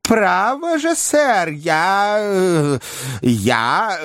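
A man voicing a timid, frightened gentleman who trembles and stammers in a classic novel audiobook. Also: medium pitch, huge pitch swings, no echo, pitched above the performer's own voice, full character voice. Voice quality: stammering, halting. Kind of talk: audiobook character reading.

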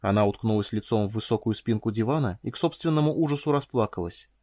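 A man narrating an audiobook in a calm, measured reading voice. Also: lowish voice, dry recording, clean studio sound. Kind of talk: scripted narration.

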